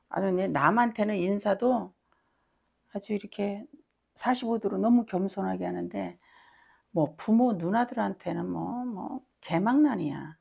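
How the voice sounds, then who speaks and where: A woman's voice: medium pitch, gravelly, mellow, breathy edge. A middle-aged woman pastor preaching a sermon with personal testimony, emphatic and often asking her congregation questions.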